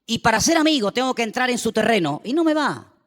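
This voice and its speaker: A man preaching a sermon as pastor, animated, acting out biblical voices and throwing asides to his congregation. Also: extremely high pitch, quick pace. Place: church with long reverb. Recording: long reverb of a church hall.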